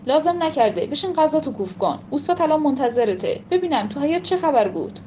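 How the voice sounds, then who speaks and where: A woman's voice: fairly high pitch, expressive, a little mellow, highs cut off, slight background noise, close to an everyday voice. A woman voicing a short-tempered mother who snaps and scolds her family. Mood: scolding. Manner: scolding, snapping.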